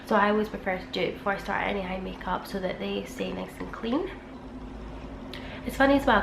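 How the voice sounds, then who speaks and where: This beauty vlogger has a gravelly, mid-range voice that sounds congested and nasal because she's sick. She talks casually while doing her makeup at home, a chatty get-ready-with-me session. Traffic from the busy street outside leaks into the echoey room.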